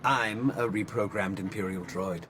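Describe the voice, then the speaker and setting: A sarcastic droid, K-2SO. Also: male voice, fairly low pitch, a little slow, husky. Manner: dry, sarcastic, blunt. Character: sarcastic reprogrammed male droid, blunt and snippy. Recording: film clip under loud music, far off.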